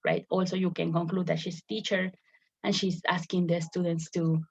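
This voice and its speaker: A woman's voice: lowish voice, level tone, moderate pace, darkish tone, husky. A woman teacher explaining a lesson step by step, often repeating words as she searches for the phrasing. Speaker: English teacher. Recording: dull lo-fi recording.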